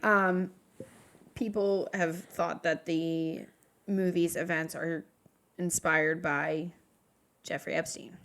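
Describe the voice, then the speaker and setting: A woman with a somewhat low voice leads a casual podcast conversation. She works through her notes with plenty of "um" and "like," restarting sentences as she goes. Her tone stays chatty and informal. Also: fairly even intonation, takes it slowly, pauses often, a bit bright. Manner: talks through researched notes with many fillers and restarts. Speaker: podcast co-host leading the episode.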